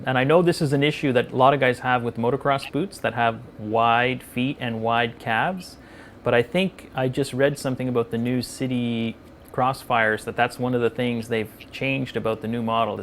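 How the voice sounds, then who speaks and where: A man's voice: mid-range voice, a bit bright, slight background noise. A man hosting a casual live-streamed chat, easygoing as he reads out viewer questions and answers them. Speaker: host of a live motorcycle chat show.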